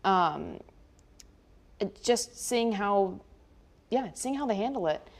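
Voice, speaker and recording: A young American woman hosts casual, unscripted chat for a local TV station, speaking informally and dropping "like" into her sentences a lot. Her medium-pitched voice is expressive and unhurried.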